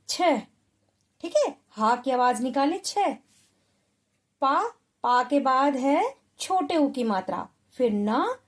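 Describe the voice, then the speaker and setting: A woman's voice: high voice, a little mellow. A woman teaching spelling to children, sounding out letters one by one and checking in often. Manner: sounds out letters slowly, often asks "ठीक है". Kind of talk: slow, patient spelling lesson.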